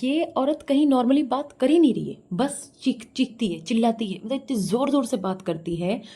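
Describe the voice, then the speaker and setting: A woman's voice: on the high side, expressive, normal speed, mellow, breathy edge. A woman giving scornful, scolding reaction commentary and putting questions to her viewers. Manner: asks the viewers directly. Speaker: reaction vlogger.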